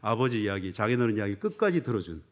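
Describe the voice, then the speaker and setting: A middle-aged man from Chungcheong preaching a sermon as a pastor, building to loud emphatic peaks and dropping to low, soft asides. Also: very animated, fast talker. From Chungcheong, Korea.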